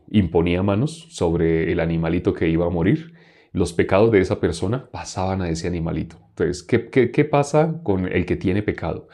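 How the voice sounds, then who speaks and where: Mellow-voiced man teaching a sermon. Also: sits low. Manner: conversational, asks questions, mimics people praying. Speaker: preacher.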